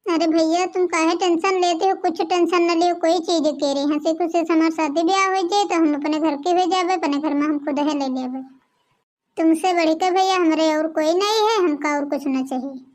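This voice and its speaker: A gentle young village bride played by a woman with an extremely high, childlike-pitched voice. She has an Awadhi accent and speaks in a pleading, conciliatory way, as a devoted sister in a comedy skit. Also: normal speed. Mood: reassuring.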